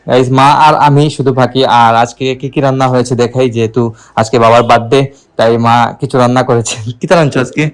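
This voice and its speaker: A man narrating a casual family vlog, chatty and often speaking softly to the viewers. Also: medium pitch, fairly even intonation, a little fast, low-quality recording. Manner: chatty, addresses viewers as guys, drops to a hush to keep a surprise. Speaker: vlogger.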